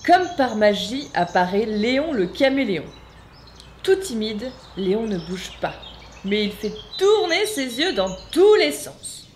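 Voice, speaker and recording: A woman narrating a children's stage story in a slow, expressive, sing-song way. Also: a little high, a little hiss or hum.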